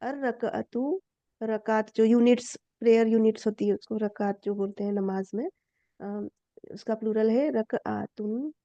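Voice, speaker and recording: A woman's voice: measured pace, warm tone, no echo. A woman teaching grammar in an online class, explaining step by step and quizzing her students. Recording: dull low-fi dry sound.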